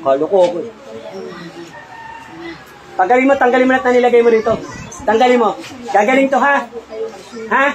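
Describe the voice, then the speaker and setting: A man's voice: extremely high pitch, a little fast, long pauses. A man working as a faith healer, questioning a spirit insistently and repeating each question. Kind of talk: healing and exorcism session. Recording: crowd noise behind. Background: crowd of onlookers.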